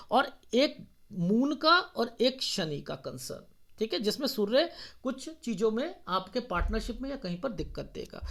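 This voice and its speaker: A man talks a client through a palm reading in an explanatory way. He moves through the ages one at a time and often stops to check in with a quick "okay". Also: very high-pitched, a bit bright. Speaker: palmist.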